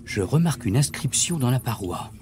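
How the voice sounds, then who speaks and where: A man reading a children's story aloud as narrator, in an expressive, animated way. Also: medium pitch, brisk, slight background noise.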